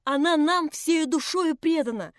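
A woman voicing an excitable, remorseful young nobleman who pleads and gushes breathlessly. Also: sits high, fairly quick, no room sound, studio quality, pitched above the performer's own voice. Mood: ecstatic.

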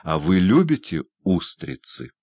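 A man's voice: deep voice, very animated, a little slow, darkish tone, dry recording, exaggerated voice. A man reading an audiobook, voicing a tipsy young male shop apprentice who drawls and whines. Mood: drawling. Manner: drawling, whiny.

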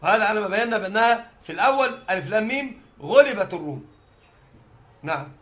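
Fast, high-voiced teacher. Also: male voice, lively intonation, fairly bright tone. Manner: explains the text step by step. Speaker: Islamic scholar teaching. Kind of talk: scholarly lesson on Quran readings.

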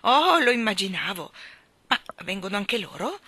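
A woman voicing a cheerful, warm-hearted street artist, a man, in a storybook reading, talking eagerly and fondly. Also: medium pitch, sing-song, moderate pace. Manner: eager and affectionate.

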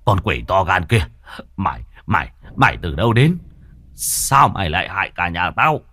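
A man's voice: lowish voice, big pitch swings, measured pace, fairly bright tone. A man doing a stammering old master. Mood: angry. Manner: stammering, blustering. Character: frightened, angry old rich man.

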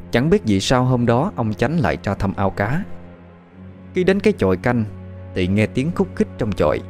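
A man narrating a horror story with a dramatic, animated delivery. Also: on the low side. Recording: faint background music.

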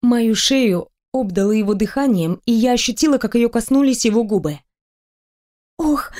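A woman narrating a romance audiobook in the first person in an even storytelling manner. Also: a little high, fairly quick.

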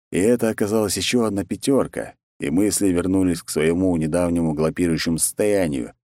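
A man's voice: darkish tone, no room sound, studio quality. A man narrating a first-person story as an audiobook, voicing the characters in between. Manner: reads first-person story, raises pitch for characters' lines. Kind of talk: scripted narration with voiced dialogue.

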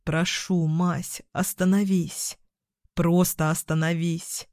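A woman's voice: on the low side, unhurried, no room sound, clean studio sound, natural voice. A woman reading a strained, weakened ex-husband. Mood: pleading. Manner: shouting, then pleading. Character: strained, weakened ex-husband, middle-aged man.

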